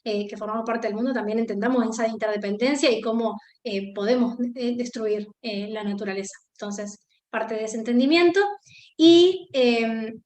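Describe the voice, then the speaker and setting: A woman's voice: a little high, moderate pace, darkish tone, reverberant. A woman with an Argentine Spanish accent giving a class lecture, thinking aloud with many fillers and restarts.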